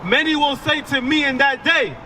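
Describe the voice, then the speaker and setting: Bright, very high-pitched street prophet scripture reader, male. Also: animated, moderate pace, distant mic, a little hiss or hum. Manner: declamatory, reading in short emphatic phrases. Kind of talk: loud street corner scripture reading.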